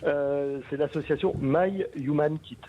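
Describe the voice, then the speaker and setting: A man from France who founded an association, explaining things calmly in a radio interview. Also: a little high, measured pace, phone-quality sound, a little hiss or hum. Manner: explanatory, easygoing.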